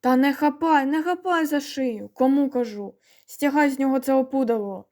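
Woman doing a bold village boy, shrill squealing shouts, high voice, warm tone, storybook. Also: unhurried. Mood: urgent commanding.

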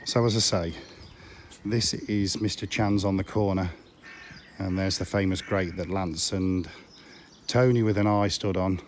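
Walking outdoors through small-town streets, a middle-aged vlogger touring filming locations chats into his phone camera in a low voice made hoarse by a cold. He's unhurried and fairly even in intonation, rambles with lots of ums and frequent pauses, and there's slight background noise.

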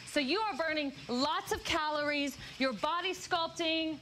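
A woman's voice: high voice, measured pace. A woman answering live interview questions as an upbeat fitness instructor in a gym. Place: busy indoor gym. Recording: faint gym background noise.

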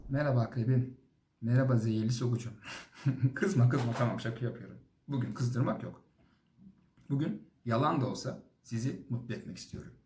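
A man's voice: mid-range voice, normal speed, darkish tone, echoey room, slight background noise. A young man doing a comic monologue to the zodiac signs, teasing and exaggeratedly sweet, with sudden swearing outbursts. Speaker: comedy vlogger.

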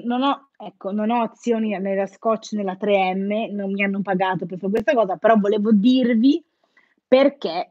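A woman's voice: mid-range voice, darkish tone, husky, dry recording. A woman teaching English as a playful, teasing host of a live quiz, chatting with her viewers. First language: Italian. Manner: playful, teasing, jokes with students. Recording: dull, lo-fi live-stream audio.

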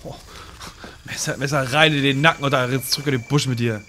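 A man's voice: medium pitch, fairly even intonation, fairly quick. A man giving casual, slangy let's play commentary, grumbling at the game and sometimes whispering along. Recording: game audio with noise behind. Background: game sounds.

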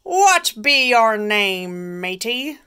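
A woman voicing a loud, gruff male pirate captain in a picture book read aloud to children, with drawn-out pirate talk. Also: on the high side, very animated, exaggerated voice. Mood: booming. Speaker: teacher.

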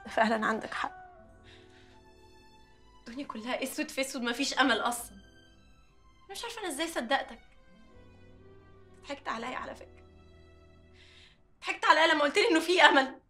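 A woman's voice: sits high, animated, quick pace, pauses often, bright, forceful tone, soft background music. An anguished Egyptian young woman. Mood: despairing. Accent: Egyptian Arabic. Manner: pleading then bitter, emotional. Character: anxious young woman, patient, Nagla. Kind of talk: TV drama acting.

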